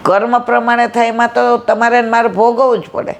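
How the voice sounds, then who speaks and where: A woman's voice: a little high, flat delivery, a little fast. Woman, satsang speaker; devotional storytelling that acts out the dialogue. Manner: tells stories, acting out quoted dialogue.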